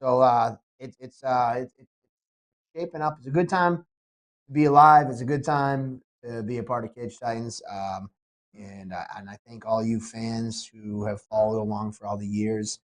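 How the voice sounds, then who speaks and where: An MMA promoter chats casually on a podcast, sniffly as he gets over a cold. His medium-pitched voice moves at a moderate pace, and he's excitable and rambling, restarting often.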